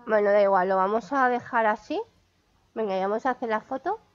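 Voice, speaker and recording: A woman's voice: medium pitch, brisk. A young woman with a Spain Spanish accent giving chatty, exclamatory commentary while playing a game and talking to her viewers. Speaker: gaming vlogger. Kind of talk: casual gameplay commentary. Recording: dull lo-fi sound.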